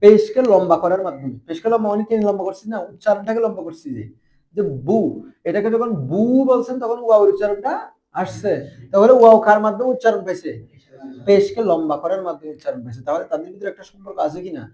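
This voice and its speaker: A man's voice: high-pitched, fast talker, mellow. A man teaching a madrasa grammar lesson, quizzing his students with constant rhetorical questions. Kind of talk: classroom Arabic grammar lesson.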